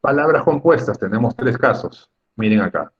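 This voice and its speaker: A man's voice: mid-range voice, expressive, moderate pace, husky, lo-fi sound. A man teaching a spelling lesson in an online class, chatty and joking with his students over a computer mic.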